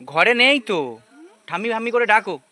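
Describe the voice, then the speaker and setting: A man's voice: high voice, animated, moderate pace, a crowd in the background. A young man from West Bengal filming a casual village vlog, chatting along and coaxing his little daughter, on a handheld phone at a rainy village home. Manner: chatty, coaxing a small child. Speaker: vlogger. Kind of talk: casual daily-life vlog chat. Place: village home, partly outdoors in rain.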